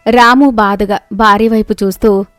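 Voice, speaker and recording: A woman narrating a moral tale for an animated storybook in an even, expressive manner. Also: medium pitch, normal speed, no room sound, soft background music.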